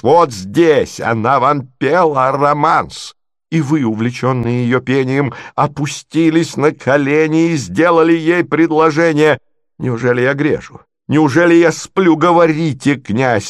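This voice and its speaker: A man's voice: on the high side, takes it slowly, no room sound, studio quality. A man voicing an indignant, domineering lady who presses with exasperated questions. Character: indignant domineering middle-aged lady, scheming.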